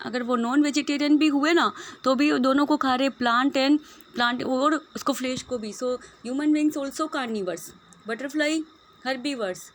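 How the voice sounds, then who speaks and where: Indian woman teacher, high and slow. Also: a little hiss or hum. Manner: mixes Hindi and English, addresses students as beta. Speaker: school teacher. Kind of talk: online class lesson.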